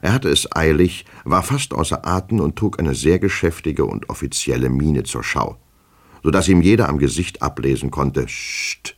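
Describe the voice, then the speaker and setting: A man reading a classic novel aloud, measured and expressive. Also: extremely low pitch, slightly rough. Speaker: reader. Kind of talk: literary audiobook reading.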